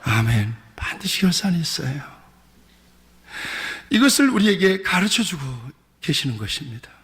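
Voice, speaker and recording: A male pastor preaching with a bright, high, lively voice that swoops through wide pitch. He calls his congregation to repeat after him. A long church reverb hangs behind every phrase. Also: moderate pace. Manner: animated, leads congregation in call-and-response. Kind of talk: sermon. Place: church sanctuary.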